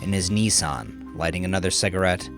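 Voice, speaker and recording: Over music, a man with a very low voice narrates a dark crime story. He phrases things in a measured, deliberate way, stretching out his line endings for dramatic effect.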